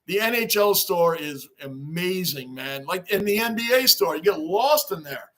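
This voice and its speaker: Excitable high-voiced livestream host man. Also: normal speed. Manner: talkative, excitable, shouts greetings to chatters. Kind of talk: casual livestream chat reading fan comments.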